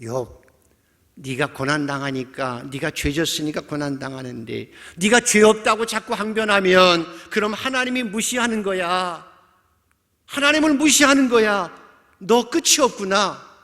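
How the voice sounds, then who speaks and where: A preacher playing scolding, accusing friends. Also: male voice, medium pitch, fairly even intonation, a little slow, gravelly, fairly bright tone. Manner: scolding, insistent, lecturing. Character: accusing friends lecturing a sufferer. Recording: reverberant church hall.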